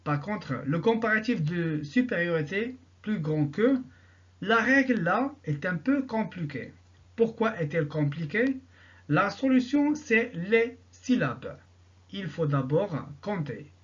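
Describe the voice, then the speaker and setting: A man teaching an English grammar lesson, repeating each example sentence slowly and answering his own questions. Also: high voice, big pitch swings, muffled recording.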